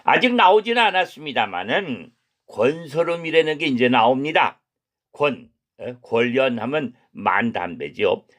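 A middle-aged man teaching a recorded pronunciation lesson, slowly drilling syllables and repeating each one with deliberate stress. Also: medium pitch. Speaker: language teacher.

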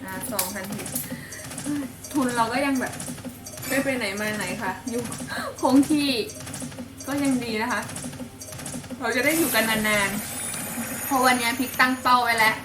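A woman's voice: fairly high pitch, a little slow, long pauses, roomy sound, far from the mic, noisy background. A woman with an Isan accent chatting to viewers as she plays an online slot game, giggly and coaxing the game aloud. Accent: Isan (Northeast Thai). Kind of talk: casual chat to viewers while playing.

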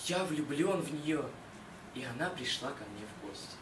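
A young man playing a dreamy, lovelorn, modest scholar in an expressive, dramatic declamation of a stage monologue, with deliberate pauses. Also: medium pitch, lightly acted. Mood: dreamy, musing. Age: young adult. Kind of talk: dramatic declamation, theatrical literary monologue recitation. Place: small indoor concert hall stage. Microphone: far camera. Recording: roomy, distant mic, noisy hall.

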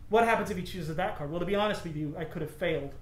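A man in his thirties, a magic shop owner, talking casually about his shop and doing card-trick patter with playful, deadpan jokes. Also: high voice, racing. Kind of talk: casual demonstration and interview. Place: inside a small shop, indoors. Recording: echoey shop room with faint background noise.

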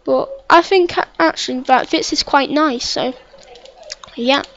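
A woman's voice: high voice, unhurried, a bit bright. A woman giving casual, stammering narration of a let's play, repeating words and chatting to the game as she plays. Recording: dull lo-fi mic with faint hiss.

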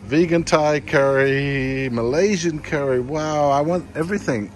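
A vlogger with a fairly high, unhurried voice narrates a walking tour of a food court, exclaiming enthusiastically over the dishes. The recording is noisy, taken outdoors on the street.

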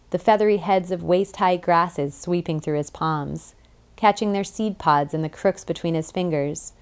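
Woman narrating an audiobook, lowish voice. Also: a little mellow, clear, resonant tone. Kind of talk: scripted narration.

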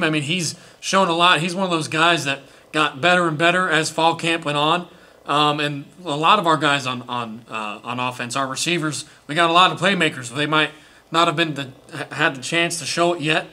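This college quarterback's voice runs on the high side, bright and forceful, at a normal speed. He's a young man responding earnestly to post-game press questions in an indoor room with a sponsor backdrop behind him, restarting his answers in many small ways.

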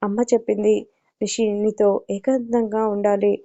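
A woman voicing a calm, mature young sister who speaks matter-of-factly. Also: medium pitch, normal speed, lightly acted. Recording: dull lo-fi recording.

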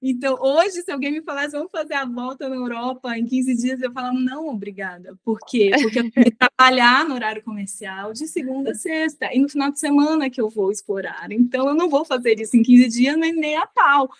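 A woman in her thirties chatting on a video call as an interview guest, relaxed and reflective, often ending lines with a quick tag question. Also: high-pitched, no room sound. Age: 30s. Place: small bedroom indoors. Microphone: laptop webcam on video call.

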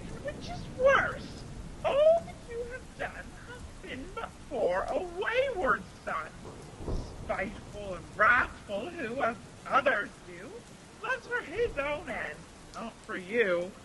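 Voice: sits high, huge pitch swings, takes it slowly, background noise, heavily acted. A performer playing Hecate, the fierce queen of witches, in a radio drama, chanting and scolding.

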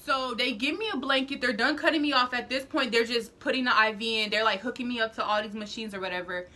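A young woman telling a storytime vlog in animated, casual slang, acting out what people said. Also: fairly high pitch, fast. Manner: acts out quoted lines. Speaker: vlogger.

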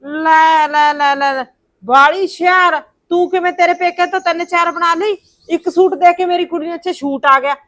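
A woman playing a sharp-tongued scheming mother-in-law. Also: very high-pitched, fairly even intonation, normal speed. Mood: complaining. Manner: scolding, taunting. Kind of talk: village family drama acting.

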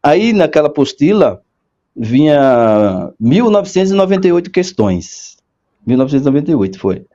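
Lively man acting out his own story. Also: moderate pace, muffled recording. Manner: animated storyteller, acts out quoted dialogue with big pitch jumps. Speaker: guest, court clerk. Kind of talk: casual storytelling interview.

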